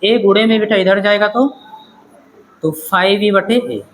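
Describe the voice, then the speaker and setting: In a low-quality recording with slight background noise, a man with a high-pitched voice teaches a physics class at a measured pace. Lecturing classroom-style, he asks questions, checks that students understand, and calls them "beta."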